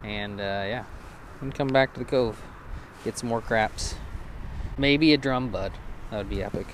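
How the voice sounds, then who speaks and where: A man with a fairly low voice talks at a moderate pace over slight background noise. He hosts a fishing channel and narrates a casual vlog outdoors on a frozen lake, laid-back, chatty and joking into a body-mounted action camera.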